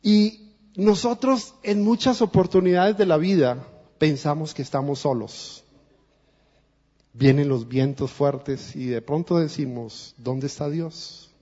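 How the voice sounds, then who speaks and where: A Colombian man preaches a sermon in an earnest, conversational way, talking straight to the congregation. His voice sits fairly high and mellow, and he speaks slowly. The dull, lo-fi recording carries a long church echo. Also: breathy edge. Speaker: guest preacher.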